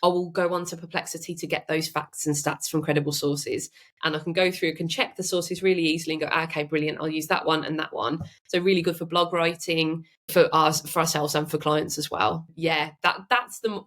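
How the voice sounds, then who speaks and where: Lively, chatty woman with a lowish voice. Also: brisk. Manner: lively and chatty, laughs often. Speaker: podcast guest, AI expert. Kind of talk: casual interview chat.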